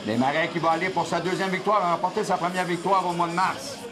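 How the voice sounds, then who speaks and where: A man's voice: sits high, steady tone, fast talker, music in the background. A man with a Quebec French accent giving live boxing analysis, explaining tactics in short bursts. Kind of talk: live sports commentary. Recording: clear crowd noise behind. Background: boxing crowd.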